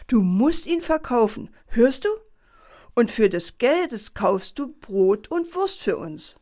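A woman's voice: a little high, big pitch swings, moderate pace, a little mellow, pitched above the performer's own voice. A woman voicing a poor peasant mother who scolds and insists in a bedtime story. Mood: scolding.

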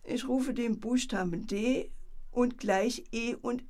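A woman voicing a cheeky toy monkey who calls out the letters in a bedtime story, with a brisk, bossy manner. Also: on the high side, a little mellow. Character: cheeky toy monkey leading an alphabet game.

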